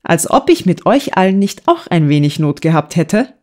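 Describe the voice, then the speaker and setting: A woman reading a calm middle-aged mother who speaks quietly and with gentle amusement in an audiobook. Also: fairly low pitch, moderate pace.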